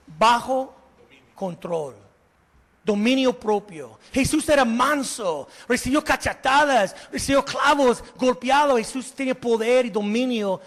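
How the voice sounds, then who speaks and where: High-voiced pastor in reverberant hall. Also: male voice. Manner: animated preaching, questions to the congregation; slips English words into Spanish. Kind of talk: sermon.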